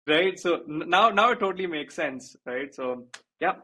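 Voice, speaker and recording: A man's voice: a little high, lively intonation, moderate pace, pushed and bright, breathy edge. A man hosting an interview, agreeable and chatty, with lots of "you know" fillers. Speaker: interview host. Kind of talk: casual interview talk.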